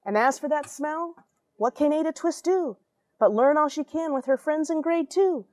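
This is a high-pitched American woman in her forties, an astronaut, reading a picture book for children in a small space station airlock full of gear. She keeps a moderate pace and a darkish tone, adding dramatic emphasis and friendly asides for young listeners, captured in a dry, studio-quality recording.

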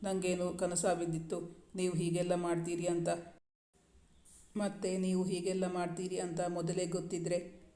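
A shy young bride sulks and pleads in this audio story, read by a male narrator. The voice sits high and stays flat in pitch. It is recorded in an echoey room. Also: moderate pace, lightly acted. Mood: sulky. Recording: roomy echo.

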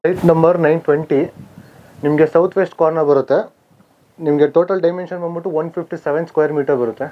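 A man's voice: a little high, fairly even intonation, quick pace. Man touring empty plots on camera. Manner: plain listing of figures with frequent "aa" fillers and self-corrections. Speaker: real estate guide touring sites. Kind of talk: walking site-tour narration. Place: outdoors among vacant plots on a residential street. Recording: slightly dull camera audio with faint outdoor ambience.

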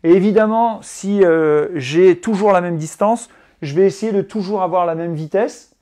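A man from France, a golf coach, giving a relaxed live lesson indoors and pausing often to explain. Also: high voice. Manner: relaxed, explanatory, many hesitations. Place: indoors, living room with golf simulator.

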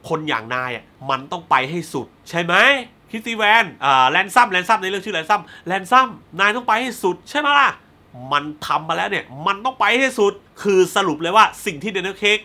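Male film reviewer, casual spoiler recap, bright edgy tone, hot-tempered and profane, acts out the dialogue. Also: sits high, expressive. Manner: blunt, heated, swears freely then apologizes; retells scenes with quick acted-out dialogue. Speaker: movie reviewer.

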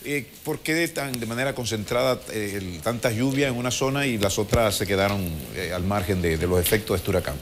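A middle-aged man hosts live TV, asking wordy questions in a halting way. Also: on the low side, slight background noise. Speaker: TV host. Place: TV studio.

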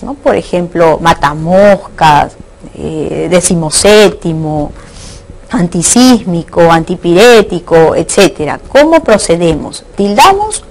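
A woman's voice: medium pitch, low-quality recording. Woman from Peru, teacher, recorded online grammar lesson, patient, asks rhetorical questions. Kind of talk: online lesson on Spanish accent marks.

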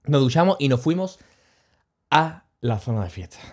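A man spins a travel story for his stream. His voice sits at an ordinary middle pitch. He talks in an animated, slangy, joking way and keeps chuckling. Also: normal speed. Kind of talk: casual storytelling.

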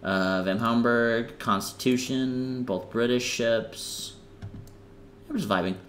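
A man's voice: medium pitch, slow pace, a bit bright. A young man giving casual, rambling commentary over a game he is playing, full of fillers and self-corrections. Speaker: gaming channel host.

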